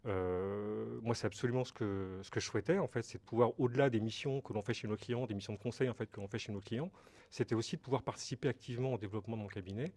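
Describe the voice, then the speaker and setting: Speaking at a quick pace in a lowish, darkish voice, a middle-aged Breton company director responds to interview questions. His explanations come out hesitant, peppered with fillers and repeated words.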